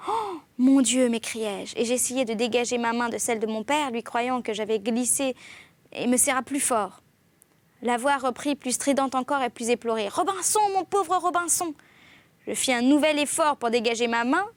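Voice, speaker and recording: A woman reading a classic novel aloud in an expressive literary style, lifting her voice on exclamations. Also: fairly high pitch, normal speed, no echo. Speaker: audiobook reader.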